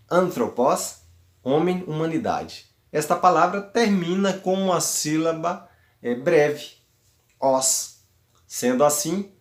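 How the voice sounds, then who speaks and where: A man at medium pitch teaches a grammar lesson in a patient, explanatory way. He slows down to repeat and spell out words. His voice rings in a noticeably echoey room. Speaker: Greek teacher.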